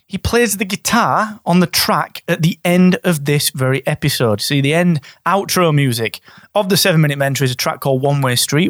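A man's voice: fairly high pitch, a bit bright, dry recording, studio quality. A man from Barnsley, England, hosting his own solo business podcast in a chatty, straight-talking way. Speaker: podcast host.

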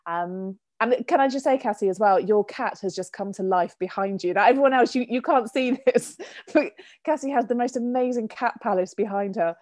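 A British woman, a business coach, talking as a podcast guest over a remote call, with frequent laughs and quick bursts of speech. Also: fairly high pitch, no room sound. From United Kingdom. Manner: warm, laughs often, fast bursts. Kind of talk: casual podcast chat.

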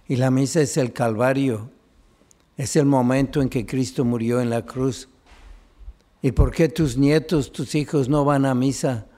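A man's voice: mid-range voice, dark tone. A man, a priest, reading the gospel and giving an earnest homily that speaks directly to listeners.

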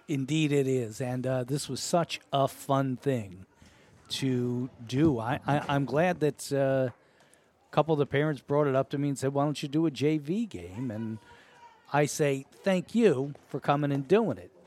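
A man's voice: medium pitch, a little slow, a little mellow, a little hiss or hum. A man working as color commentator on a local football broadcast, chatty and joking in his asides. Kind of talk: casual broadcast banter.

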